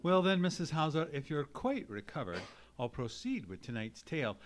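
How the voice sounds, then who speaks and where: A man's voice: fairly high pitch, very animated, moderate pace. A man playing a genteel, courteous doctor and loyal companion in an old-time radio mystery, speaking in formal Victorian phrases. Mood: measured storytelling. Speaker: narrator and actor in a live radio play. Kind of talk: old-time radio drama acting, storytelling. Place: live performance in a theatre.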